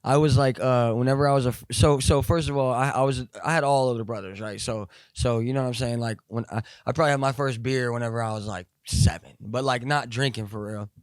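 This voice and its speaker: A young man tells a story in a loose, rambling way, swearing freely and stacking up fillers. His voice sits at an ordinary middle pitch. The room sounds dry and close. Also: quick pace, hardly any pauses, clear, resonant tone, no echo. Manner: rambling, profane, animated storytelling with lots of fillers. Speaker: interview guest. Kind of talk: casual storytelling.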